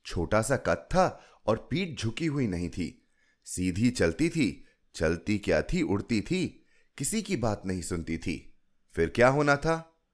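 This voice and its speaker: A man narrating a short story in an expressive, unhurried storytelling manner. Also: on the low side. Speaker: podcast narrator.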